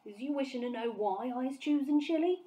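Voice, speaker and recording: A woman voicing a brutish, greedy male giant who jeers in gruff, mangled grammar. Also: sits high, a little fast, warm tone, voice pushed up, close to an everyday voice. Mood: jeering.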